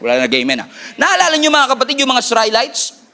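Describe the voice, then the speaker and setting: With an extremely high, smooth voice and a fast delivery, a male pastor gives a lively sermon. He jokes, invites the congregation to respond, and repeats key lines to drive them home.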